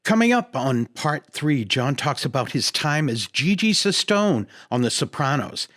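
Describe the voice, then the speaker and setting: An enthusiastic man hosts a casual podcast interview, his voice sitting a little higher than most men's. His questions ramble as he searches for the words. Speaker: podcast host.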